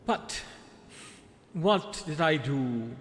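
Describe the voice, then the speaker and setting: A man's voice: on the high side, expressive, extremely slow, fairly bright tone, full character voice. A man voicing a vain, self-pitying sea witch in a live stage show, grand and theatrical, calling the audience darlings. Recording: echoey hall with faint background noise.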